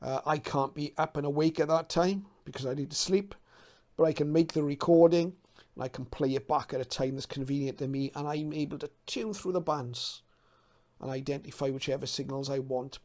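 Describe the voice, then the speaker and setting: Brisk, a little high and darkish in tone, this fifties-aged British hobby channel host speaks casually to camera in his small, cluttered home radio room. He thinks aloud, explaining things with slight hesitation.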